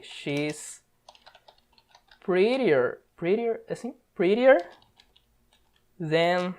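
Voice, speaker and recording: A woman's voice: low voice, a little mellow. Brazilian woman teaching English step by step. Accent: Brazilian Portuguese. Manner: explains word by word, often checks with a quick "tá?". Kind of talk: step-by-step language lesson.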